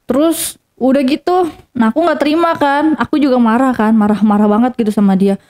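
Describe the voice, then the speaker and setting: Young woman, mellow and fairly high voice, rambling casual storytelling, lots of fillers. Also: fairly quick. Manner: rambling, many fillers and restarts, addresses listener as Kak. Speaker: interviewee telling her story.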